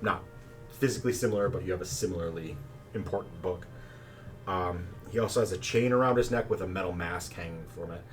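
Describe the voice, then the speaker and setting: A man running a tabletop game as game master, narrating in a relaxed, chatty way with plenty of fillers. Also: deep voice, a little fast, faint music behind. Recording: distant mic, faint background noise.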